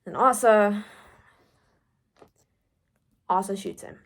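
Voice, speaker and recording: A woman's voice: medium pitch, takes it slowly. Profane young woman ranting. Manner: profane, filler-heavy storytelling. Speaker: book vlogger. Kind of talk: casual book rant.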